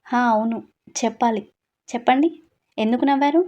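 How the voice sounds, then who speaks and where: A woman's voice: fairly high pitch, a little fast, highs cut off, close to an everyday voice. A woman voicing an innocent, sweet young wife who pleads and protests in a read-aloud story.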